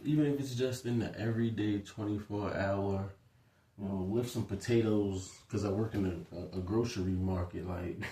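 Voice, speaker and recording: A man with a warm, lowish voice gives a short lecture in a loose, casual way, with plenty of asides and fillers. The mic is distant, leaving a roomy echo.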